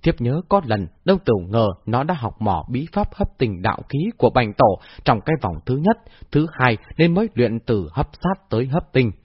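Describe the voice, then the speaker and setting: A man voicing a calm, clever young heroine in a husky voice on a dull, dry recording. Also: medium pitch, moderate pace, no echo. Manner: soft, reasoning.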